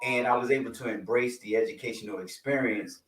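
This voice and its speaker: Animated male podcast co-host, casual and playful, on a distant echoey call mic. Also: medium pitch, brisk, a little hiss or hum. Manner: animated, playful, lots of slang and fillers. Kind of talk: casual podcast chat and guest introduction. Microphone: video call.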